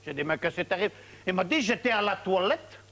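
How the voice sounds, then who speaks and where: A man's voice: sits high, animated, a little fast, vocal fry, bright, forceful tone, full character voice. An actor playing a hapless father, telling a long rambling story in a TV comedy sketch. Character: bumbling hapless father, middle-aged man.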